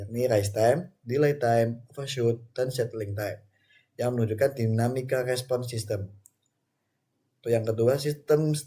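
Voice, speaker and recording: Young man presenting class slides, dark voice. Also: medium pitch. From Indonesia. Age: young adult. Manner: reads in short phrases, with restarts and "oke, next". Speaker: student presenter.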